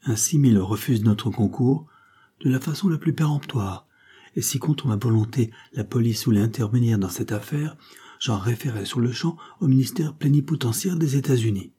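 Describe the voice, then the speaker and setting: Man reading as a snooty lord brushing off the police, husky voice. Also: medium pitch, moderate pace, dark tone, pitched above the performer's own voice, lightly acted. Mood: dismissive. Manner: aloof and dismissive. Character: haughty male lord posing as Anglo-American.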